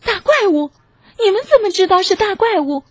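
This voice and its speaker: A woman's voice: high-pitched, moderate pace, darkish tone, no echo, lo-fi sound, pitched above the performer's own voice, lightly acted. A woman voicing a timid, startled duck in a children's story, asking in a surprised way. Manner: surprised, wondering.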